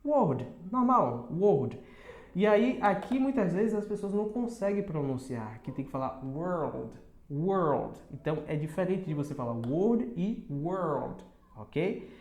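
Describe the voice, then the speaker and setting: A Brazilian man giving a casual pronunciation lesson as a teacher, checking in with quick tag questions and slowly repeating words as models. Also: sits high, sing-song, warm tone. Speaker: English teacher. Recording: echoey room.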